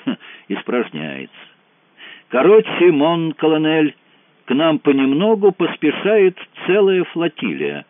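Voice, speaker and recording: A man voicing a brash, sardonic lieutenant colonel who briefs in slangy, mocking soldier talk, higher and louder than his own reading voice, over a tinny phone-like line. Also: huge pitch swings, measured pace, dry recording. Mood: sardonic briefing. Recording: tinny phone-like dry sound.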